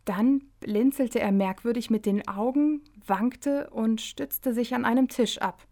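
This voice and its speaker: A woman reading her own children's story aloud on the radio, slow and measured. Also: fairly high pitch, warm tone.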